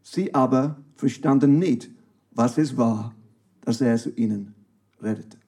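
A man's voice: medium pitch, a little slow, warm tone, breathy edge. A man preaching a sermon, reading scripture aloud and praying, emphatic and calling out to his listeners, with English words mixed into his German. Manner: emphatic, calls out to the congregation.

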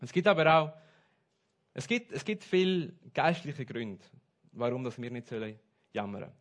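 A pastor preaches a sermon, moving between soft asides and loud, emphatic points. His mid-range voice is animated and runs at a normal speed.

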